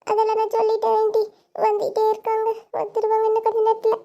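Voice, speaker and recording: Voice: very high voice, completely flat delivery, fast, mellow. A child playing an emotional younger sister waiting for her elder sister's baby. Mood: excited. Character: younger sister Radhika, tearful teenage girl.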